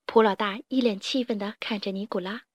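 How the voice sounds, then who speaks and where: A woman storyteller reading a children's story with lively, expressive narration. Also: mid-range voice, brisk, no echo.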